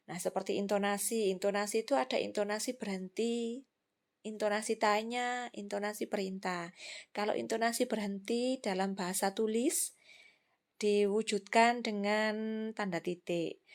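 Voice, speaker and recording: Woman lecturing patiently with many examples. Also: mid-range voice. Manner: explains patiently with examples and fillers. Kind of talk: recorded lecture.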